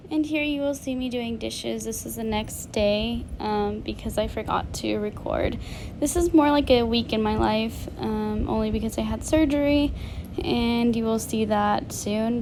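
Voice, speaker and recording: A woman's voice: fairly high pitch, rough recording. A young adult woman chatting casually as a stay-at-home mom vlogger, in an informal, self-interrupting way. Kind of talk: casual vlog chat and narration.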